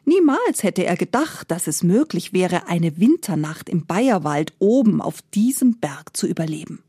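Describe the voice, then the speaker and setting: Woman, fairy tale storyteller, expressive, whispered phrase endings, dry close sound. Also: on the low side, moderate pace, slightly rough, dry recording.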